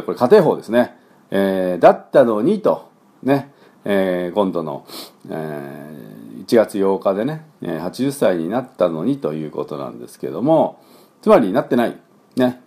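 A male English conversation teacher runs a pronunciation lesson in a relaxed, chatty style with a lilt. His fairly low voice swings up and down a lot as he slowly demonstrates sounds for learners to copy, full of fillers between the words. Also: gravelly.

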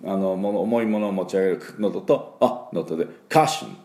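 A middle-aged man with chatty, filler-heavy talk, hosting a daily English lesson and slowly drilling pronunciation. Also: deep voice, a little mellow, echoey room. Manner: chatty, many fillers, slow drawn-out teaching of sounds. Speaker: English teacher and school head.

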